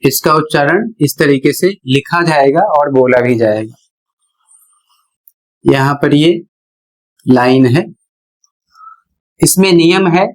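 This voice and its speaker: Pronunciation teacher, very slow delivery, mid pitch, step-by-step explaining. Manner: measured, repetitive rule-by-rule explaining. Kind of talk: slow explanatory lesson narration.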